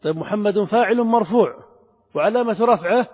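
A middle-aged man with a high, husky, slightly mellow voice briskly teaches a grammar lesson, questioning his students and repeating key words to drive them home. The lo-fi recording was made in a lecture hall with long reverb.

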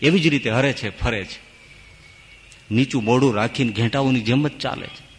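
A male monk delivering a devotional sermon as a story. He swings between loud exclamations and hushed low phrases. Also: moderate pace, big-room sound, a little hiss or hum.

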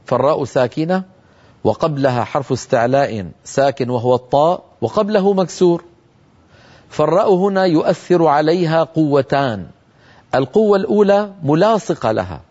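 A man teaching Quran recitation rules in a televised lesson, explaining calmly and chanting the examples slowly. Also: medium pitch, breathy edge, dull audio. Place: television studio.

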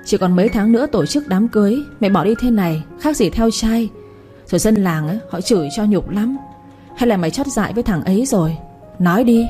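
A woman's voice: medium pitch, lively intonation, fairly quick, mellow, faint music behind, close to an everyday voice. A woman voicing a coarse, domineering village father. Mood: furious. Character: gruff scheming village father, greedy.

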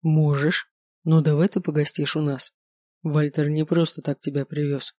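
A reader voicing a possessive young male werewolf alpha in an audiobook, speaking calmly and insistently. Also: mid-range voice, normal speed, no room sound, lightly acted. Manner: calm, insistent. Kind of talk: audiobook character voice.

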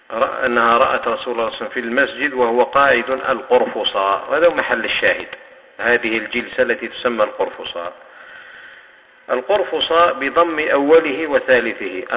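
Algerian male mosque teacher, patient explainer; thin phone-like audio, long hall echo. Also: medium pitch. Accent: Algerian Arabic. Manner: patient, explaining terms and coaching students to demonstrate. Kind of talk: hadith commentary lesson. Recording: tinny lo-fi recording with long mosque reverb.

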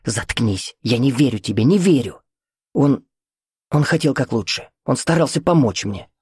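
A man's voice: medium pitch, animated, moderate pace, a little mellow, slightly rough, dry recording, voice pushed up. A man voicing a frightened young woman who pleads shakily, close to tears, in an audiobook. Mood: pleading. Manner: pleading, shaky.

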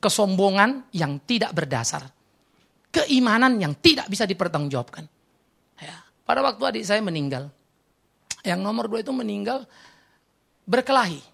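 A male pastor preaches with a rough, gravelly texture to his voice. His pitch swings widely as he acts out little dialogues, jumping from loud exclamations to quiet, confiding remarks. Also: normal speed, long pauses. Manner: lively storytelling with quoted dialogue and asides. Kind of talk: sermon.

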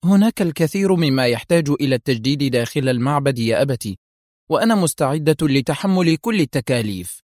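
A man voicing a cunning, scheming woman villain who puts on sweetness and turns sharp. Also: mid-range voice, lively intonation, fast, dry recording, clean studio sound, pitched above the performer's own voice, lightly acted. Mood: scheming, tense. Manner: feigned sweetness turning sharp.

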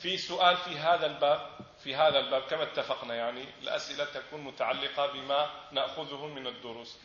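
A man's voice: medium pitch, steady tone, fast, sharp tone, a little hiss or hum. A man teaching a religious lesson on inheritance law, patiently repeating words and reciting verses. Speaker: Islamic teacher. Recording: echoey hall, dull lo-fi sound.

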